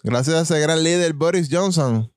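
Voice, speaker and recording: A man's voice: on the high side, normal speed, darkish tone, dry recording, clean studio sound. A man, co-hosting a casual chat show, wisecracking and laughing often. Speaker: co-host.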